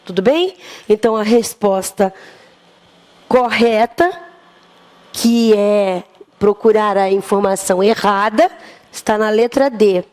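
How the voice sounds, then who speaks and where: Give me a lively Brazilian woman teaching grammar who keeps asking her students questions. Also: medium pitch, takes it slowly, pauses often. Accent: Brazilian Portuguese. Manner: lively, asks the class questions. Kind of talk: exam-prep grammar lesson.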